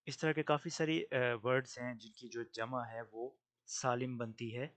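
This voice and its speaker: A man teaching Arabic grammar in an online lesson, explaining patiently and slowly drilling pairs of words. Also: medium pitch. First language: Urdu.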